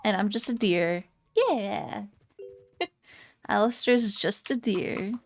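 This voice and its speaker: A woman's voice: medium pitch, animated, takes it slowly, gravelly, soft background music. A woman in her twenties chatting casually with her stream viewers, rambling and giggly with lots of fillers. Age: 20s. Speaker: VTuber streamer.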